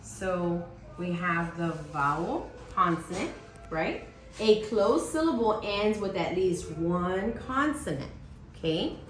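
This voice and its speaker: In a lowish, animated voice and at a slow pace, a woman teacher runs a demonstration reading lesson, patiently asking her students "okay?" as she goes. Faint music plays behind her in an echoey room with light ambience.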